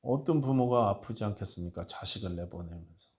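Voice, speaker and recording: A low-voiced male pastor delivers a sermon. He tells stories in an easy, conversational tone. He drops to a near whisper for tender lines and rises sharply when he appeals to the congregation. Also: brisk. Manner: storytelling, dropping to a hushed voice for tender quotes and rising to loud appeals.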